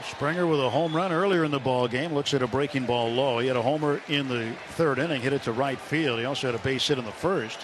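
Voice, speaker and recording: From the stadium booth, a man rattles off live radio play-by-play of a baseball game in clipped present-tense calls. His mid-range voice moves fast with hardly any pauses, and the noisy broadcast is full of loud ballpark ambience.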